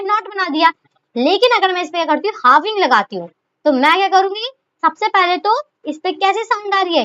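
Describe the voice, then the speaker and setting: High-voiced woman teaching shorthand. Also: fairly bright tone. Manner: asks herself questions and answers them, repeats "okay"; addresses students fondly as children. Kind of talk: explaining a lesson. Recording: dull lo-fi recording.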